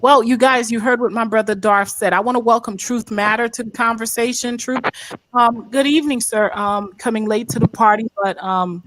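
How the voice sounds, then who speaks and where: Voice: mid-range voice, fairly even intonation, normal speed, fairly bright tone, a little hiss or hum, low-quality recording. A host moderating an online discussion, speaking with hesitant filler sounds.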